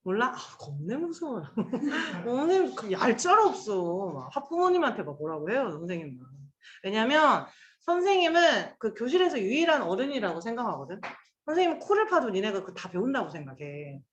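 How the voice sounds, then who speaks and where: A woman's voice: a little high, sing-song, moderate pace, roomy sound, lo-fi sound. A woman teacher giving a casual Chinese pronunciation lesson, chatty and coaxing, drilling sounds aloud with her students.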